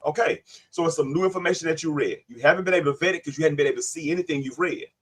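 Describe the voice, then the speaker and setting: A man's voice: fairly high pitch, rapid-fire, husky. A man hosting a live online panel, debating insistently, cutting in and repeating his questions. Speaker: livestream host.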